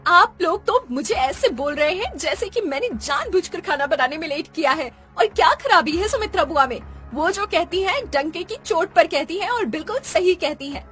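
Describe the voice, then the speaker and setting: An overworked young daughter-in-law complains with sharp indignation, and her high voice swings widely. It sounds like a kids' cartoon with light music underneath. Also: sing-song, normal speed. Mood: angry. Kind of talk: animated cartoon voice acting.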